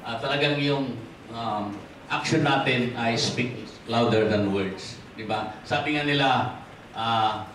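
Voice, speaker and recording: A man with a Filipino accent preaching a sermon as pastor, switching freely into English, rising to stress points and dropping low and quiet to close them. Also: takes it slowly, slight background noise. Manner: mixes in English, asks the congregation for amens. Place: church hall. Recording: echoey hall from far off.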